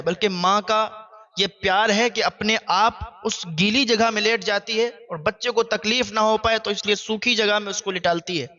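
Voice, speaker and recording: A man's voice: high-pitched, sharp tone, dull audio. A man telling a moral story as a sermon, earnest and exhorting, with lots of repetition. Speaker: preacher and storyteller.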